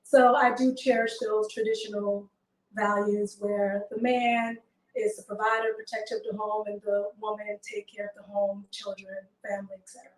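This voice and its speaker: A woman in her twenties from Haiti, a guest on a call-in show, speaking softly and hesitantly with many fillers. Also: mid-range voice, flat delivery, normal speed, echoey room, distant mic, low-quality recording. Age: 20s. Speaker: show guest seeking a partner. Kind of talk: casual call-in chat.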